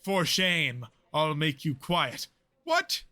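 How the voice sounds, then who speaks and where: An actor playing a commanding, quick-tempered older lord and uncle, declaiming Shakespearean verse in an audio play. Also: male voice, a little high, wildly swooping pitch, bright, forceful tone, exaggerated voice. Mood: angry scolding. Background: music.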